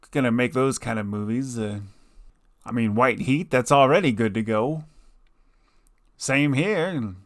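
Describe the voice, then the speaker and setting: A man casually commentating a game he plays, joking and trading in slow, deliberate punchlines. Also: medium pitch, a bit bright, clean tone, no room sound, clean studio sound. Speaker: gaming video host. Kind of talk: casual let's-play commentary.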